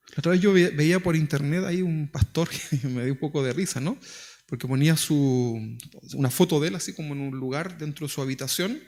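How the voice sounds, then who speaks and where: A man's voice: on the high side, darkish tone. A man with a Chilean Spanish accent preaching a sermon as pastor, talking conversationally with many rhetorical questions. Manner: acts out quoted prayers.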